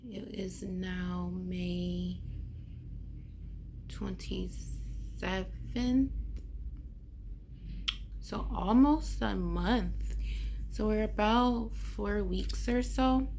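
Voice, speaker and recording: A woman with a hoarse voice chats casually to camera, giving a personal update and often trailing off as she searches for words. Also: mid-range voice, a little hiss or hum. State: hoarse after neck surgery. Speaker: vlogger giving a health update.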